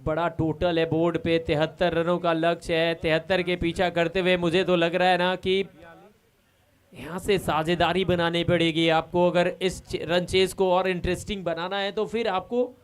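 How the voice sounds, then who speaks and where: A man's voice: high-pitched, flat delivery, normal speed, clean tone. A man giving live cricket analysis as co-commentator in a conversational, explanatory way. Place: commentary box at a cricket ground.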